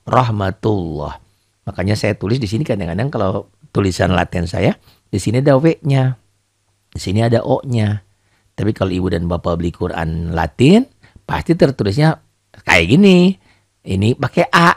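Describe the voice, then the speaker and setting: A man teaching beginners to read Quran script, posing questions and answering them himself, stretching words out slowly to demonstrate pronunciation. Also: sits low, gravelly, breathy edge, no echo, studio quality. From Indonesia. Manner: animated, asks and answers his own questions, drawn-out demonstration readings. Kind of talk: beginner tajwid lesson.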